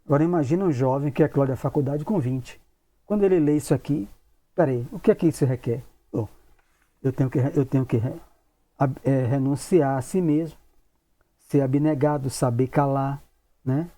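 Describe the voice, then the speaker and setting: A man in his 60s, a spiritist study group leader and lecturer, leads an informal study talk in a conversational way, acting out imagined questions and repeating tag questions. His mid-range voice is warm and moves at a moderate pace.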